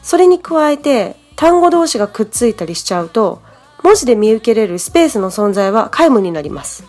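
Woman from Japan, podcast English teacher, friendly, explanatory, higher voice, faint background music. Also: big pitch swings, a little fast, darkish tone. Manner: friendly, explanatory, chatty asides.

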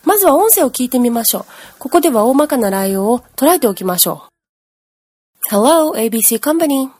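A woman's voice: a little high, very animated, brisk, dark tone. A woman teaching English pronunciation in a chatty, explanatory way, humming out speech rhythms. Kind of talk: language lesson.

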